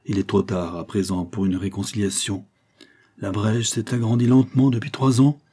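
A man's voice: mid-range voice, dark tone, breathy edge, pitched above the performer's own voice, close to an everyday voice. A man reading the part of a bitter, impassioned young lawyer husband in an audiobook, pleading and reproachful. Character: brooding young male lawyer, wounded husband.

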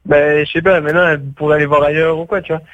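A man's voice: a little high, flat delivery, racing, a crowd in the background. A young man calling a radio show, hesitant and sheepish, with many fillers, over a phone line. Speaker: caller.

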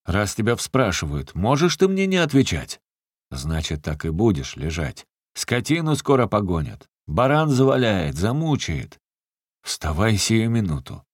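A man doing a booming, tipsy village strongman. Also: big pitch swings, a little slow, no room sound, studio quality, exaggerated voice. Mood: gruff shouting. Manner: booming, roughly scolding.

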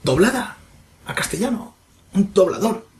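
A man's voice: high-pitched, expressive, normal speed, a little mellow, slight background noise. A man with a Spanish accent from Spain, co-hosting a casual podcast, reading listener comments aloud and swearing freely as he rambles. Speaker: podcast co-host.

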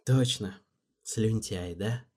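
A man's voice: lowish voice, slow, slightly rough. A man voicing a hesitant young ruler. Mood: unsure. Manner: hesitant, gentle.

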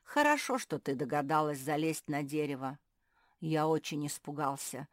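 Lady doing a big soft bulldog guy, slow and tender, dry close mic. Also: sits low, expressive, no echo. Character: male bulldog groom, deep-voiced and gentle.

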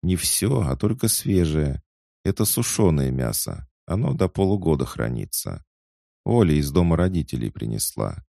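A man voicing a gentle, caring young woman who speaks in a soothing, reassuring way. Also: rumbling low, sing-song, normal speed, vocal fry, no echo, clean studio sound, voice pushed up, exaggerated voice.

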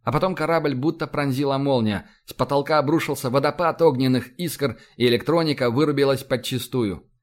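A man narrating an audiobook in a steady, dramatic reading. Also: medium pitch, fairly quick, hardly any pauses. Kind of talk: scripted narration.

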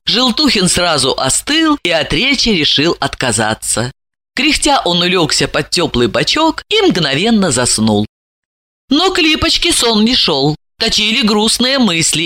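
A woman narrating a comic story in a playful, animated way. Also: mid-range voice. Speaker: audiobook narrator.

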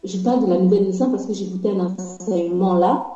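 A woman's voice: mid-range voice, fast talker, mellow. A woman sharing a dream during a church session, talking hesitantly with many restarts. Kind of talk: conversational testimony. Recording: very echoey, muffled recording.

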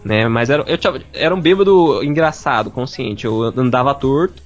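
A man's voice: medium pitch, moderate pace. Young man telling a story. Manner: animated, slangy, acts out quoted lines. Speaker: listener telling his story. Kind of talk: casual storytelling. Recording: dull lo-fi sound with faint music.

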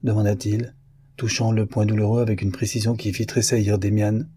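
A man narrating a classic novel as an audiobook, in a measured, even storytelling manner. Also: lowish voice, a little hiss or hum.

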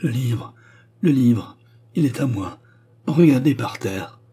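A man's voice: mid-range voice, expressive, normal speed, warm tone, slightly rough. A man voicing a hulking, brutish male servant who stammers and roars in pain. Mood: anguished. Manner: stammering, then roaring in pain.

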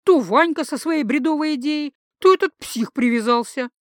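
A woman's voice: high voice, normal speed, dry recording, clean studio sound, voice pushed up, lightly acted. A woman voicing an indignant, stubborn young woman who makes mocking retorts. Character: young woman, sharp-tongued, stubborn and principled.

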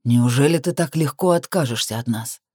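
A reader lowering her voice into an intense young man, possessive and insistent, his words low and firm. The tone is dark and mellow, with a close, dry sound and no room around it. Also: normal speed, slightly rough, no echo, natural voice.

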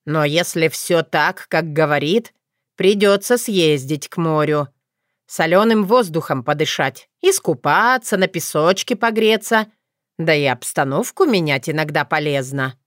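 A woman's voice: sits low, lively intonation, unhurried, dry recording, studio quality. A woman voicing a playful, bossy old witch grandmother who talks in a teasing, folksy way.

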